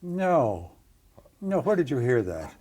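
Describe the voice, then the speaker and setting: A man in his seventies, chatty and joking, with a gravelly voice. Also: medium pitch, big pitch swings, slow pace, warm tone. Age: 70s. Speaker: interviewee.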